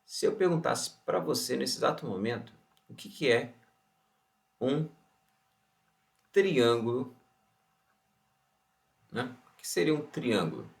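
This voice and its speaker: A man's voice: medium pitch, sing-song, slow, gravelly, pauses often. A Brazilian man teaching an online science lesson, asking rhetorical questions and then answering them himself. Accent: Brazilian Portuguese. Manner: opens with a Bible verse and blessing.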